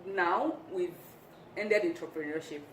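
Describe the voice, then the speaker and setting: A woman's voice: fairly low pitch, a little slow. Chatty woman host in an echoey room. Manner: loose, chatty, with many fillers. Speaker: event host. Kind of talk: casual event introduction. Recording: echoey room, distant mic, noisy.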